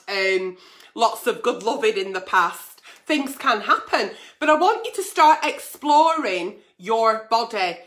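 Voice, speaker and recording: This pantomime performer runs an online agony aunt show, chatting through a late-night livestream and reading letters aloud. Her voice sits on the high side, bright and forceful, and she swears bluntly. Without her dentures, her words come out slightly slack.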